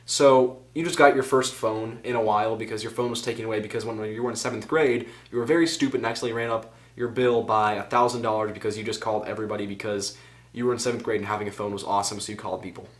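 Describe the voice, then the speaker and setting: A man's voice: on the low side, steady tone, fast talker. A teenage boy rambling casually in a home vlog, drifting into tangents and joking at himself, recorded on the camera's own mic. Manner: rambling, goes off on tangents, self-mocking. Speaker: vlogger.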